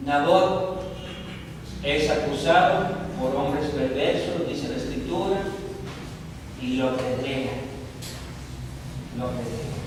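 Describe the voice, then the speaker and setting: A man with a Mexican accent preaching a sermon, slow and emphatic, asking the congregation rhetorical questions. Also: on the high side. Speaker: pastor. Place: church sanctuary. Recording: echoey hall reverb, distant mic, faint room noise.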